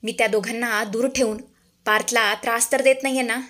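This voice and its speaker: Casting: a woman playing a firm, proud mother-in-law, fairly high voice. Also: fairly even intonation, a little fast, fairly bright tone, close to an everyday voice. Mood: worried. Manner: firm, then apologetic. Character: stern mother-in-law turned remorseful.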